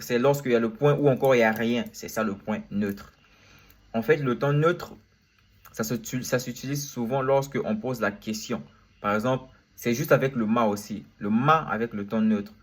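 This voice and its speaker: A man giving an informal lesson, speaking directly to the viewer, repeating points over and over and mixing in short English phrases. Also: mid-range voice. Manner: repetitive, addresses viewer as tu, demonstrates tones aloud. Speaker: Chinese language teacher.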